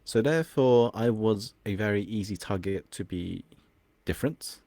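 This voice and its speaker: This podcast interview features a young confidence coach from England with Cantonese as his first language. His fairly low, mellow voice moves at a moderate pace on a dry recording, and he reflects aloud, sometimes hunting for words.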